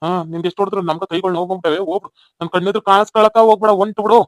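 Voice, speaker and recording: A man's voice: high-pitched, steady tone, racing, dry recording, lightly acted. A man voicing a harsh, hot-tempered older village man in a cartoon, with a North Karnataka Kannada accent, scolding and hurling threats. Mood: furious. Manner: scolding, abusive, shouting threats. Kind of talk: cartoon voice acting.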